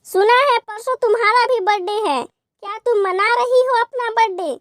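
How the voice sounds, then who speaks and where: A woman's voice: extremely high pitch, moderate pace, no echo, clean studio sound, pitched above the performer's own voice. A woman voicing a mean, mocking schoolgirl in a cartoon story.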